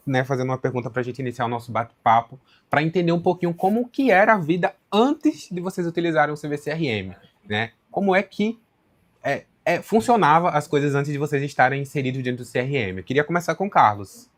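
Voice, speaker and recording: A man's voice: medium pitch, expressive, quick pace. A man hosting a live webinar, talking in an upbeat, promotional way as he introduces guests. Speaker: webinar host.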